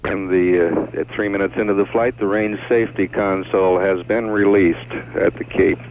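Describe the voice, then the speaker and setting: Low-voiced man commentating over a tinny line. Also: fairly even intonation, moderate pace. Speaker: launch commentator. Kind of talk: live mission commentary. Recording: tinny, faintly noisy 1960s broadcast line.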